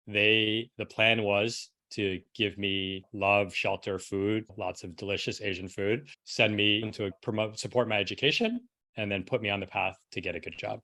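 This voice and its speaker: A middle-aged New York City man tells his own story as a podcast guest, casual and conversational, leaning often on "like" and a rhetorical "right?" His voice is fairly low with a sharp tone.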